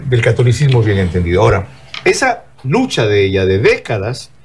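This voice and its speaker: A man hosting a TV interview show, introducing his guest in a measured, formal way. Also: medium pitch, darkish tone, slight background noise. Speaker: host.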